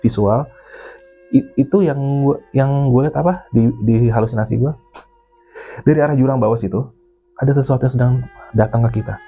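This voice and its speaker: A man with telling a mountain ghost story in casual chat, animated and swearing, acting out the voices of the people in it. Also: mid-range voice, a little fast, pauses often, slightly rough, dull audio, soft background music. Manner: animated, acts out his own and others' quoted lines; swears casually, keeps addressing the listener as Bang.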